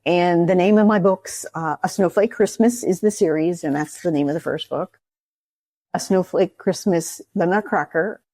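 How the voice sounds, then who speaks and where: A woman's voice: fairly low pitch, moderate pace, warm tone, no room sound. A woman author speaking as an interview guest, rambling and explaining at length. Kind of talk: casual interview chat.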